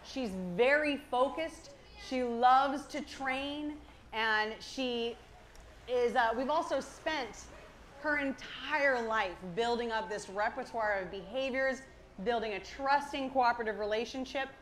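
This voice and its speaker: A woman's voice: fairly high pitch, unhurried, a bit bright. A cheery, enthusiastic woman working as a zookeeper, giving an educational talk to a live audience over a microphone. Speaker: zoo animal keeper and presenter. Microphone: worn or held presenter microphone. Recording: clear ambient noise behind voice.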